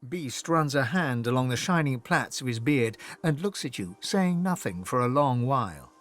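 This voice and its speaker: An actor playing the narrator of a fantasy video game, giving dramatic scripted descriptions. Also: male voice, medium pitch, lively intonation, normal speed, a bit bright, close to an everyday voice. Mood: measured, descriptive.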